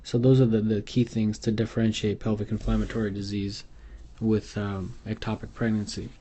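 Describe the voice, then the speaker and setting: A man's voice: fairly low pitch, little pitch movement, normal speed, dark tone. A man giving an unscripted medical exam tutorial over slides, hesitant and full of fillers and restarts. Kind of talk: unscripted instructional lecture.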